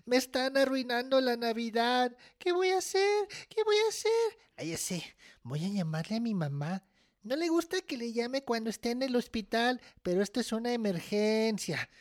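A woman's voice: fairly high pitch, animated, moderate pace, close to an everyday voice. A woman voicing a melodramatic young boy who exaggerates everything. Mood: frantic. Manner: melodramatic, whiny, prone to exaggeration. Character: whiny, dramatic young boy Nimo. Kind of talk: comedic voice acting.

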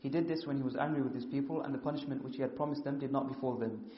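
A man reading a scripture commentary aloud at a brisk, even pace. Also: medium pitch. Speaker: reader of the text. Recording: echoey hall, muffled.

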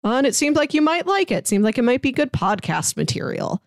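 Very animated and a little fast, a high-voiced woman co-hosts a podcast, casually pitching films and reading synopses with chatty, hesitant asides. The recording is dry and of studio quality.

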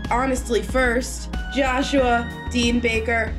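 A woman's voice: fairly high pitch, little pitch movement, takes it slowly, music in the background. A woman hosting a casual podcast chat, with a congested, nasal voice from allergies, joking and playful. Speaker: podcast host.

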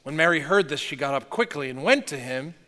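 A man's voice: fairly high pitch, animated, a little fast, pushed and bright, in a large hall. A man preaching a sermon as pastor, talking earnestly and conversationally, with rhetorical questions to the congregation.

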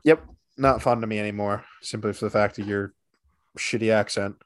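A man co-hosting a hockey podcast, chatting casually with a friend, animated and teasing, with quick bursts of excitement. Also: fairly low pitch. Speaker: podcast co-host. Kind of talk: casual sports chat.

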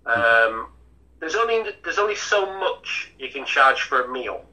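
A man's voice: medium pitch, sing-song, measured pace, pushed and bright, recorded from a distance, low-quality recording. A man, a hotel chef talking through an interview with many restarts. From Lancashire, England. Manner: chatty, rambling with frequent restarts.

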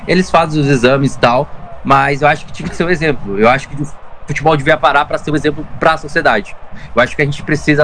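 Man, football pundit, fairly high pitch, opinionated analysis, emphatic repetition, light noise behind. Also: fairly bright tone, poor audio. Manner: opinionated, repeats himself for emphasis. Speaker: football pundit alongside the commentator. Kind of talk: unscripted match analysis and opinion.

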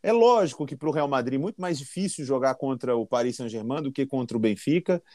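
A man's voice: medium pitch, expressive, fairly quick, mellow, no echo, studio quality. A Brazilian man giving opinions on football in a casual podcast chat.

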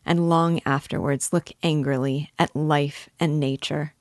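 A woman reading a classic novel aloud in a measured, earnest storytelling manner. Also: deep voice, fairly even intonation, no echo, clean studio sound. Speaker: audiobook narrator. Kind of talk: scripted narration.

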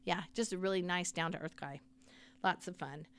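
A woman's voice: lowish voice, steady tone, moderate pace, a bit bright, clean tone. A middle-aged woman co-hosting a podcast, chatting casually and repeating her praise. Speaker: podcast co-host. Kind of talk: casual chat recap.

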